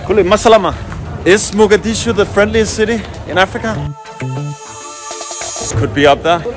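A man in his thirties with a high voice vlogs to the camera at a moderate pace while strolling through a bustling outdoor market, chatty and upbeat, greeting passersby. The travel vlogger holds an action camera at arm's length, and a music bed plays beneath his voice.

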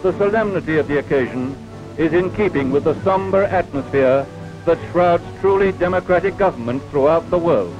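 A man giving formal, measured commentary for an old 1950s newsreel. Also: a little high. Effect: old 1950s newsreel recording. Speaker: newsreel narrator. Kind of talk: scripted newsreel narration. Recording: dull lo-fi newsreel sound with music. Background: music.

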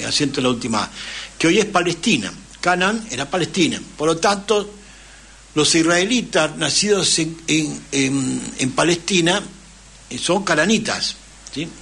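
A man's voice: on the high side, sharp tone, slightly rough. A man with an Argentine accent, hosting a radio talk show and lecturing at length, often checking in with his listeners. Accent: Argentine Spanish. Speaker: radio host.

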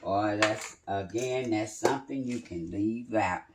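An older woman hosting a home cooking channel chats slowly and unhurriedly in a bass voice, pausing and using fillers as she works through a casual cooking demo. She's in her home kitchen, recorded by a phone camera a few feet away on the counter, with background noise.

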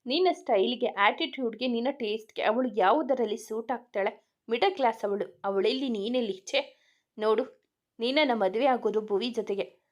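A woman's voice: on the high side, moderate pace, highs cut off, close to an everyday voice. A woman voicing a stern, wealthy middle-aged mother who scolds in a dismissive tone. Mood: scornful.

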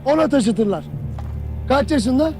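An actor playing a stern army captain who berates his soldiers with harsh scolding and sudden shouts. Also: very high-pitched, lively intonation, a little slow, faint music behind, heavily acted. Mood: berating. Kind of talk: film drama acting.

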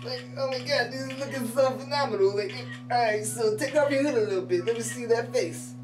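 Woman doing a whiny, cranky high-voiced photographer. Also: fairly quick, lightly acted. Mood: exasperated. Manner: whiny, keeps exclaiming "oh my God". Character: cranky ditzy female portrait photographer, easily angered. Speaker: sketch actor. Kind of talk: comedy sketch acting. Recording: roomy, distant mic, music behind.

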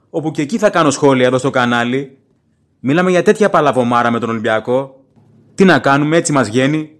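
A man hosting a solo football fan podcast, talking in a plain-spoken, opinionated and rambling way. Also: fairly high pitch. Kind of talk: casual solo podcast commentary.

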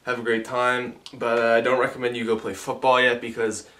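A man's voice: medium pitch, level tone, brisk, sharp tone. A young man vlogging casually with a sore mouth after wisdom teeth removal. He talks with his mouth held half closed and has a slight lisp. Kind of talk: casual rambling vlog talk.

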